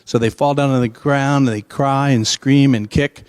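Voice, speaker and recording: Man, middle-aged, emphatic explainer, acts out dialogue, medium pitch, dry sound. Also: fairly even intonation, moderate pace, darkish tone, clean tone, dry recording. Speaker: guest expert. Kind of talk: explaining in a conversational interview.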